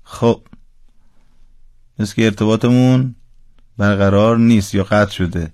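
A man's voice: on the low side, fairly even intonation, a little mellow, clear, resonant tone, dry recording, studio quality. A man hosting a call-in radio lesson, patiently and precisely correcting callers' pronunciation. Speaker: radio Quran recitation teacher.

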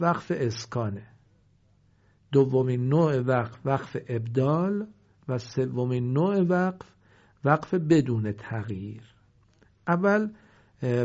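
A man teaching Quran recitation in a patient lesson, stretching out example words and answering his own questions. His voice sits in a middle pitch. The recording sounds somewhat dull and lo-fi. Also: a little mellow.

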